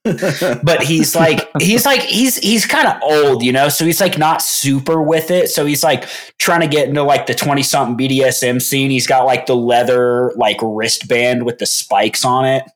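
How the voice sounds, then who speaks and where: A man's voice: medium pitch, fairly even intonation, normal speed, hardly any pauses. A man co-hosting a podcast, rambling through crude jokes in casual chat. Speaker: podcast co-host.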